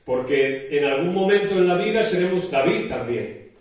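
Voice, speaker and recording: A male pastor from delivers a sermon, explaining patiently with restarts and rhetorical asides. His voice sits a little high. The mic is some way off, and the church hall rings with heavy echo. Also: animated, moderate pace. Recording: very echoey church hall from a distance.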